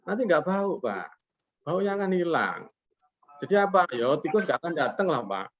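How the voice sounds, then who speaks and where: This man's voice is a little high with big pitch swings and a moderate pace, and there's a bit of hiss or hum. As a webinar guest expert on a video call, he gives a folksy, casual explanation, posing and answering his own rhetorical questions and politely turning to the host after almost every phrase. The online audio is lo-fi.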